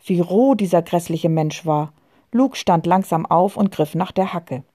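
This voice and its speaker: A woman calmly reading a children's story aloud. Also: lowish voice, unhurried. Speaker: narrator.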